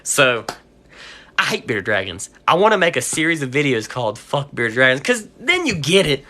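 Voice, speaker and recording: A man's voice: medium pitch, big pitch swings, moderate pace, bright, forceful tone, a little hiss or hum. A man who owns a pet store, ranting on a casual livestream, swearing often and sounding heated.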